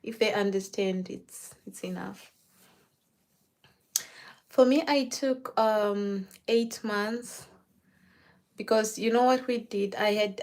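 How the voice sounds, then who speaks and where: Working on a client's hair, this Zimbabwean stylist keeps up an easygoing, chatty conversation. Her woman's voice sits at a typical mid pitch and sounds a little mellow, and she often circles back, repeating words when she starts a sentence over.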